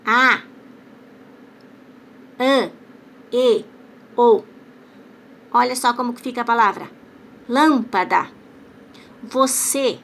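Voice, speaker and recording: A woman teacher giving a lesson for children, saying each word slowly and carefully. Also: a little high, fairly bright tone, a little hiss or hum. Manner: slow, over-articulated words for children. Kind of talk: classroom lesson.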